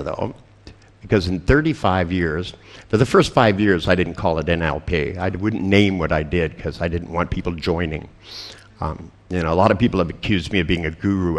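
An older man lecturing to a seminar audience in a deep, low voice. He tells stories with dry, sardonic humour and drops casual profanity into his asides. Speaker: seminar presenter. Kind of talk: storytelling lecture.

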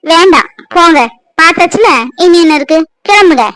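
A woman's voice: very high-pitched, a little fast, fairly bright tone, no room sound. A woman voicing a playful lovesick village girl. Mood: sulking. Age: young adult. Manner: teasing, coaxing, sulks easily.

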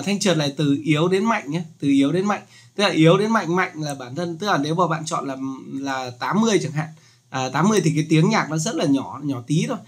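In a casual screen-recorded software tutorial, a chatty man walks through the steps. His voice is slightly high, and he keeps his explanations loose and full of jokes.

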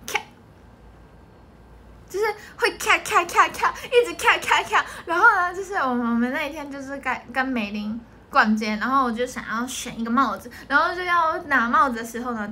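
A woman's voice: a little high, fast talker, hardly any pauses, sharp tone. A young woman with a Taiwanese Mandarin accent, chatting on a livestream from home, answering comments and laughing often. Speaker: idol group member livestreaming. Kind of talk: casual livestream chat.

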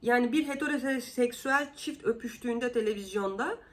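Fed up and sarcastic, a woman vlogs straight to camera with brisk, animated commentary. Her voice sits a little high, spiking suddenly upward on words before settling down, and she sounds indignant and exasperated throughout.

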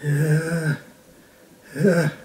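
A man voicing a wary lynx who stammers nervously and talks in a raised, hurried voice, in a read-aloud storybook. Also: a little high, steady tone, darkish tone, far from the mic, a little hiss or hum, voice pushed up. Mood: thoughtful.

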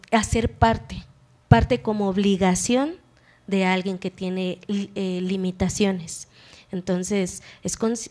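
A woman's voice: medium pitch, darkish tone. A woman guest on a talk show, speaking thoughtfully and rephrasing as she goes.

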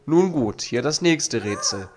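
Expressive and a little slow, a medium-pitched young man with a cold reads his game's text aloud and offers casual commentary in a let's play. Faint game music sits behind him, and he uses a studio mic mounted on an arm.

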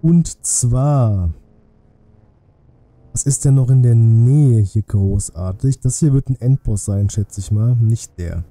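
Speaking slowly in a dark, medium-pitched voice, this man streams a game live and chats casually to his viewers, thinking out loud as he goes. There's no echo in his indoor streaming room, just faint game music in the background.

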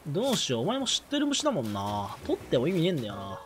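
A man's voice: on the high side, wildly swooping pitch, rapid-fire, slight background noise. A man streaming a life-sim game, joking in mock-flirty, teasing banter with the characters. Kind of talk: casual gameplay commentary.

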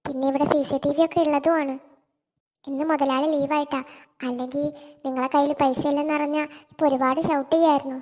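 A woman voicing a polite young shop assistant in an animated cartoon, talking slowly and apologetically. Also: high voice, big-room sound, close to an everyday voice. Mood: apologetic.

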